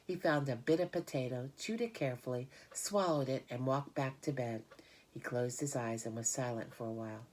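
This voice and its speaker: Very low-voiced woman reading a story. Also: moderate pace, darkish tone, a little hiss or hum, rough recording. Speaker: audiobook reader. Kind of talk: scripted children's story narration.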